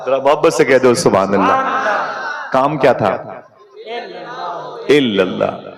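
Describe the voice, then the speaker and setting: A man preaching a sermon, telling a story with great feeling and calling on the audience to respond. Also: expressive. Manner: impassioned, rising to high emotional peaks, urges audience responses. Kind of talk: emotional Urdu sermon storytelling. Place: gathering with an audience. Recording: crowd noise behind.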